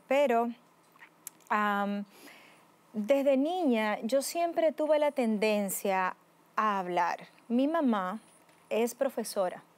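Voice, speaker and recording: A woman from the Dominican Republic with a Dominican accent, a preacher and host, speaking articulately and expressively as an interview guest. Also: mid-range voice. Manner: articulate, expressive, laughs easily.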